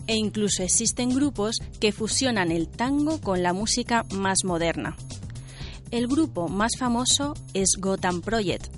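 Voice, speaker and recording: A woman with a Spanish accent from Spain, presenting a radio program in a clear, measured teaching manner and interviewing students. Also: mid-range voice. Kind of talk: scripted narration and interviewing.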